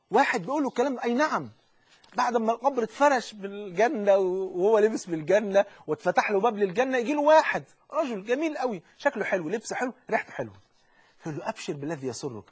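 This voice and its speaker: A man with an Egyptian accent preaching a lively colloquial sermon, speaking straight to the listener and acting out the people he quotes. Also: high voice, breathy edge. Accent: Egyptian Arabic. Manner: animated, addresses listener directly, acts out quoted speech.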